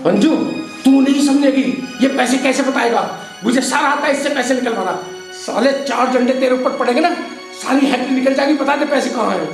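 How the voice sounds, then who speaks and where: An actor playing a householder who loudly accuses his servant of theft in a rural Hindi film. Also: very high voice, fairly quick. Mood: angry. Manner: loud, accusing, then remorseful. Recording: echoey room, mic far off, background music.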